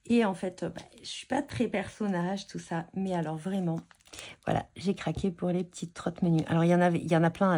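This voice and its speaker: Here the scrapbooking vlogger has a darker tone and a voice on the low side. She chats casually while showing her craft haul, stumbling through fillers and restarts.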